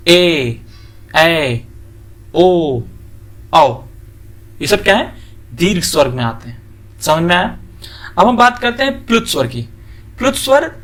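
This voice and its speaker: A man giving a classroom lesson, often asking a question and then answering it himself, and drawing out example sounds slowly. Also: high-pitched, a bit bright. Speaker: teacher.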